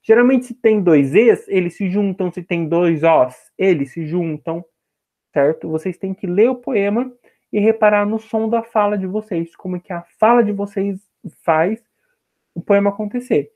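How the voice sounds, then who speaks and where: A man's voice: high voice, a little mellow, muffled recording. A young man teaching a literature lesson, explaining patiently and checking in with his students as he goes. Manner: reads verses slowly, stretching syllables. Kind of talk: online class lecture.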